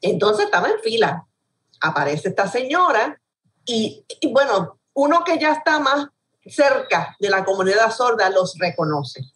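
A woman's voice: fairly high pitch, very animated, measured pace, a bit bright. A woman co-host with a Puerto Rican accent, telling stories animatedly, laughing and acting out other people's voices. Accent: Puerto Rican Spanish. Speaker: radio show co-host. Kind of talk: lively storytelling in conversation. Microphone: video call from home. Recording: distant video call audio.

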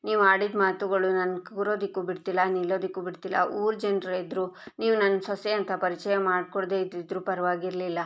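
A woman's voice: mid-range voice, flat delivery, fairly quick, natural voice. A woman reading as a hurt young daughter-in-law.

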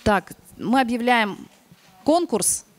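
A woman moderating a press conference, brisk and playful as she passes questions to the crew. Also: fairly high pitch, animated.

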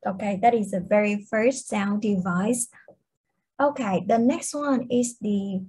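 A woman teacher with a Vietnamese accent lectures at an unhurried pace and keeps asking her class questions. Her voice is slightly husky. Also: fairly high pitch, darkish tone, low-quality recording. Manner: explains patiently, asks the class questions, fillers like okay. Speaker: literature teacher.

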